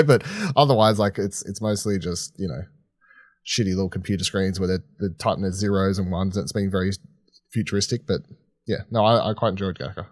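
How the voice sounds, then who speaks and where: A low-voiced man co-hosts a podcast, offering casual film reviews in a rambling, informal, sweary manner. The recording is studio quality with no echo.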